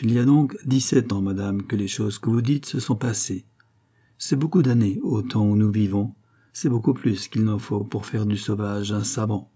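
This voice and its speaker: A man reading a calm dignified doctor. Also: mid-range voice, breathy edge, close to an everyday voice. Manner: calm, measured replies. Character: calm proud male doctor, dignified, composed.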